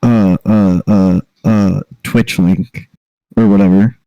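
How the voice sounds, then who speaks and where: Low, mellow laid-back male gamer. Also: steady tone, slow pace, vocal fry, dull audio. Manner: laid-back, swears and laughs often. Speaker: player. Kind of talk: casual chat in a tabletop game.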